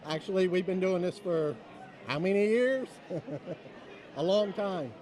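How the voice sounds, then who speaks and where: A man in cosplay answering interview questions at a convention, in a friendly, relaxed way. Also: sits high, slow pace. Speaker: cosplayer guest. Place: outdoors at a fan convention.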